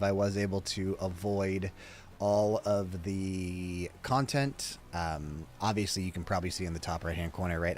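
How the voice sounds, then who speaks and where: A man's voice: sits low, a little hiss or hum. A man hosting a casual reaction vlog, tired and drowsy, rambling and swearing casually. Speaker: reaction video host. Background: faint music.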